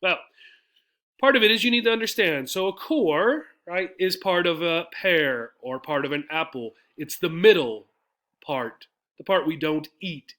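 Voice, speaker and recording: Speaking on the high side at a measured pace, a man with a pushed, bright, animated voice gives an English lesson that includes reading a poem. He explains things step by step, didactically, frequently asking questions and using check-in tags.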